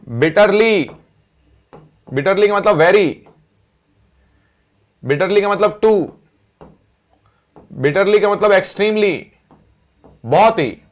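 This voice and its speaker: Slow high-voiced male teacher. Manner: slow, repeats words while writing on board. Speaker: English teacher. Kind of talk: vocabulary lesson.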